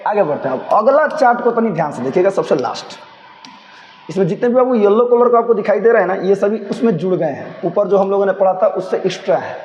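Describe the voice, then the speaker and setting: A man teaching grammar, his voice high and playful. He often answers his own questions. The sound is roomy with a long reverb and a dull, lo-fi edge. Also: a little mellow, a little hiss or hum. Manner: playful, asks himself questions in a higher voice. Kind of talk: grammar lesson for students. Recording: echoey room, dull lo-fi sound.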